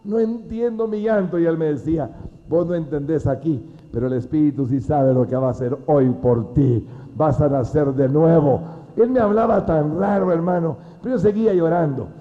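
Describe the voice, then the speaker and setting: A man giving a testimony as a preacher, swinging between hushed and loud emotional speech. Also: a little high, moderate pace. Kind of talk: sermon testimony. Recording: dull lo-fi recording.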